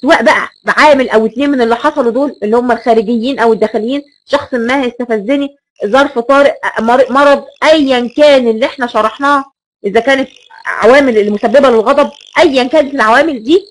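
Egyptian woman lecturer, slightly high voice, keeps repeating and stressing words. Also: fast talker, low-quality recording. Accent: Egyptian Arabic. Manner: emphatic, repeats key words and rhetorical questions. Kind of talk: recorded online lecture.

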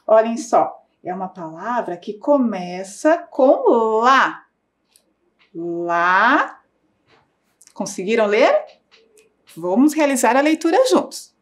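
A woman primary school teacher giving a slow, clear lesson to young children, patient and sing-song, stretching out syllables. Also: a little high, big pitch swings. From Brazil. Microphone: broadcast studio mic.

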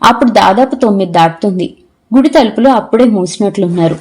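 Woman reading a novel aloud, measured. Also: medium pitch, lively intonation, a little mellow. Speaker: audiobook narrator. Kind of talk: scripted narration.

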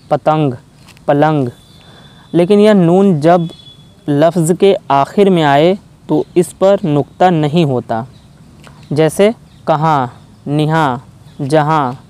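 Slow, measured male grammar teacher. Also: a little high, warm tone, clean tone. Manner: slow, explanatory, repeats example words one by one. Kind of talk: recorded online lesson.

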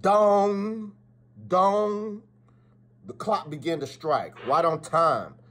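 This middle-aged man, a school principal, reads a children's story very slowly in a high-pitched, somewhat bright voice. He gives it dramatic emphasis, with the odd stumble, from a small indoor office via a phone or webcam at arm's length.

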